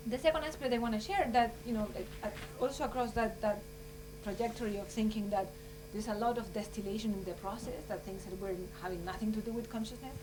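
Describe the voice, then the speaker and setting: A woman's voice: a little high, fairly even intonation, quick pace, hardly any pauses, noisy background. Earnest woman, distant mic. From Chile. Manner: earnest, rambling, full of "you know" and "like". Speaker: scientist speaking at a conference. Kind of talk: informal closing remarks at a conference. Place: conference room.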